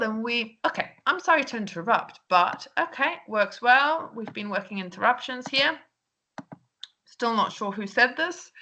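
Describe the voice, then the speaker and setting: A woman's voice: mid-range voice, pushed and bright. A woman English teacher, giving recorded feedback to her class in a chatty way with lots of "um" and "okay?".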